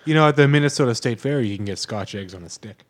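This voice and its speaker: A man in casual chat, talking in a halting way with many fillers. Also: medium pitch, animated, no echo.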